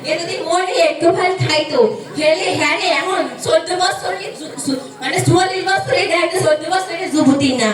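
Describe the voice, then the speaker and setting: Young woman playing a loud, high-pitched Barisal street barker. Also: normal speed. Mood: teasing, boastful. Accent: Barisal Bangladeshi. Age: young adult. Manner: declamatory, sing-song, repetitive patter. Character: brash, boastful roadside hawker of cure-all tonic. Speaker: student performer in a stage act. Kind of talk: loud carnival barker sales pitch, comic stage monologue. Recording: echoey hall, distant mic, crowd.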